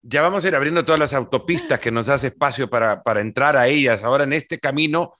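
A man hosts a podcast conversation in an even, measured way, often circling back to restart a phrase. His voice is sits at a middle pitch for a man and sounds close and dry, with no room around it. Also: no room sound. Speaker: podcast host. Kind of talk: podcast interview, scripted intro then casual chat.

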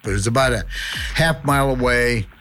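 A man's voice: mid-range voice, moderate pace, noisy background. A man in an interview telling a story conversationally, blunt and colloquial, acting out what people said. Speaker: interviewee, former mission team leader. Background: faint music.

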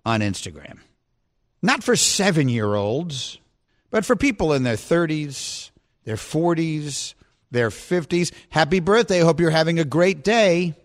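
A man's voice: on the high side, expressive, measured pace. A man in his fifties hosting a radio talk show, giving his opinions in a mock-outraged rant that keeps building in emphasis. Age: 50s. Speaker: radio host.

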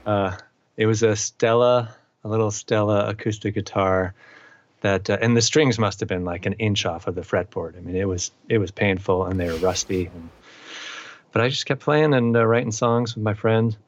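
A lowish-voiced, middle-aged musician from eastern Massachusetts speaks at normal speed in a casual interview chat. His style is relaxed and rambling, with many fillers, on a muffled recording.

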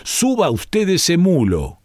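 Storybook soldiers, as a male reader puts them on: gruff, cruel, mocking, barking orders in a raised voice. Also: a little high, wildly swooping pitch, slow, a little mellow, dry recording, voice pushed up, exaggerated voice. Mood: scornful. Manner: barking, scornful commands.

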